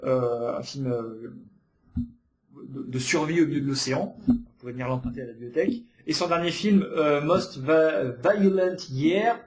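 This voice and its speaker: A man's voice: medium pitch, moderate pace. A man hosting a library podcast, recommending films in a casual, hesitant way with many fillers and restarts.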